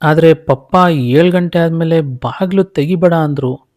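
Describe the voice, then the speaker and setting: Guy putting on a tiny scared village boy, squeaky and begging, slow. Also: a little mellow, natural voice. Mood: eager. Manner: pleading, near tears, high and urgent. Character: frightened little village boy.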